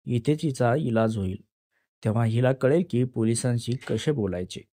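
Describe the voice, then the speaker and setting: A man voicing a rough, eager male police constable backing up his boss in a storytelling reading. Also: medium pitch, normal speed, warm tone, no echo, natural voice. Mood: coarse.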